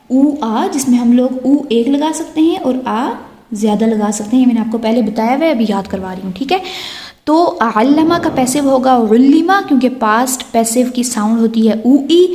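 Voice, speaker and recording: A woman teaching a recorded lesson in a fairly high, warm, mellow voice. She explains step by step, keeps asking whether the class follows, and chants word patterns in a slow, steady rhythm, mixing English terms into her speech. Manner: checks in often with questions.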